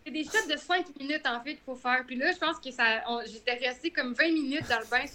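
A young woman with a Quebec French accent, chatting casually and telling a story in an animated way, acting out the lines she quotes. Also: high-pitched, a little fast, slight background noise. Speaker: guest runner. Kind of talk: casual podcast chat.

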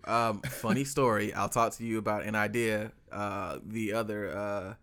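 A man hosting a podcast, chatting casually with informal slang and animated exclamations. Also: lowish voice, moderate pace, smooth. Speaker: podcast host.

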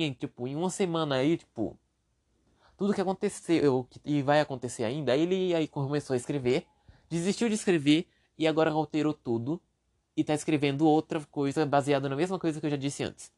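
A young man with a Brazilian Portuguese accent hosts his own podcast as a loose, rambling monologue. His voice sits a little higher than most men's. He talks about himself with self-deprecating humor and wanders off into side jokes. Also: fairly quick, darkish tone. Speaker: podcast host. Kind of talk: casual solo podcast monologue.

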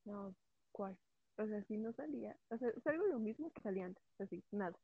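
A woman's voice: mid-range voice, brisk, gravelly, breathy edge, no room sound. A young woman chatting casually, telling stories with lots of acted quotes. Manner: animated storyteller with laughs and voiced quotes. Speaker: guest. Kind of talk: casual chat. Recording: tinny phone-like line.

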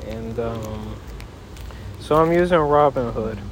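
Slow, folksy man podcasting from a noisy backyard. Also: medium pitch. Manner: folksy, rambling talk with pauses mid-thought. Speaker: podcast host. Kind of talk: casual solo podcast update. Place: outdoors in a backyard. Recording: noisy outdoor backyard, wind and ambience.

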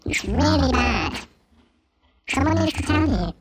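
A woman's voice: lively intonation, measured pace, slight background noise. A woman voicing a scornful female space alien who rambles and mocks, in a prerecorded clip. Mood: mocking. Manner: mocking, swooping pitch, trailing off. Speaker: guest voicing a birthday message.

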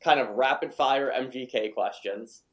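A man's voice: mid-range voice, moderate pace. Easygoing male podcast host. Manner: easygoing, encouraging, repeats words while thinking. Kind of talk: casual podcast interview.

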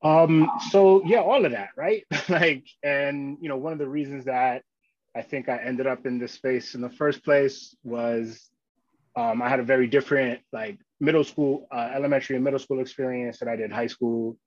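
This is a new man on a dry recording with the highs cut off: medium pitch, steady tone, normal speed, no room sound. A school social worker from Queens and Long Island, New York, he's a guest in a casual conversational interview, speaking informally and sprinkling in "you know" and "right?"

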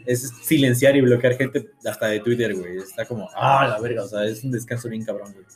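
A man's voice: medium pitch, fairly quick, faint music behind. A young man from Mexico with a Mexican Spanish accent, co-hosting a podcast in casual, profane chat. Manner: slangy, profane, excitable. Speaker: podcast co-host.

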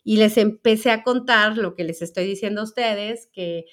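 A woman's voice: medium pitch, moderate pace. A woman in her forties with a Mexican accent, chatting through a personal story and speaking to her audience about feminine energy. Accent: Mexican Spanish. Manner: chatty, with frequent fillers and restarts. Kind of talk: casual storytelling monologue to an audience.

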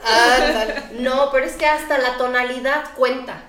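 A woman's voice: high voice, fairly even intonation, normal speed, a bit bright. A woman with a Mexican accent hosting a casual chat, blunt and joking, swearing freely. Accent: Mexican Spanish. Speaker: host. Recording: echoey room.

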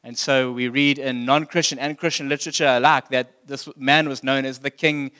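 A man's voice: medium pitch, steady tone, moderate pace, sharp tone, clear, resonant tone. Man preaching in a conversational tone. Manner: asks the listeners direct questions. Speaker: pastor. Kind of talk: sermon.

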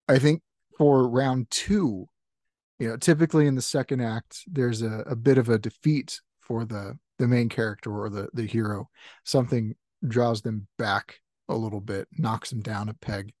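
A man spins an improvised comic story at an easy, unhurried pace, laughing often as he rambles along. His voice sits close and dry, with no room around it. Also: medium pitch, darkish tone, no room sound.

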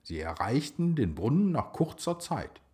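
A man narrating a children's story in a slow, expressive way. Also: medium pitch.

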